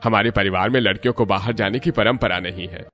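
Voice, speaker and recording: A man's voice: lowish voice, fast talker, fairly bright tone, soft background music, natural voice. A man voicing a strict, domineering older father in a cartoon, stern and commanding. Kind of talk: cartoon voice acting.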